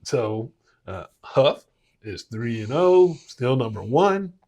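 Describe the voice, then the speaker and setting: Man, podcast co-host, plain mid voice, slow deliberate delivery. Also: medium pitch, very animated, a little mellow, highs cut off. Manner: unhurried, hesitant with fillers. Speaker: podcast co-host ranking high school teams. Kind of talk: casual sports talk.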